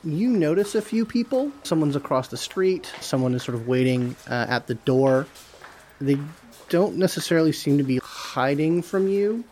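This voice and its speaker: A man's voice: a little high, animated, normal speed, dark tone, slight background noise. A man running a tabletop role-playing game as game master, narrating the scene in a loose, casual way.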